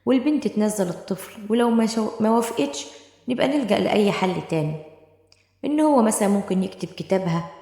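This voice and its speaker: A woman's voice: mid-range voice, expressive, fast talker, mellow, pitched above the performer's own voice, natural voice. A woman voicing a greedy, self-justifying male lawyer in an Egyptian Arabic accent, impatient and defensive, in an echoey room with long reverb. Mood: scheming.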